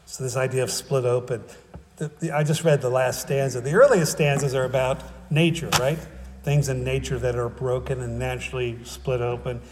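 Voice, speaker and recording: A man's voice: medium pitch, steady tone, moderate pace, a little hiss or hum. A male preacher delivers a sermon in an easy, conversational way and keeps checking in with his listeners. His humor is dry and wry. His voice sits in a middle register, and a long reverb trails off each phrase, as in a large hall. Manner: conversational, often adds "right?" and "okay?".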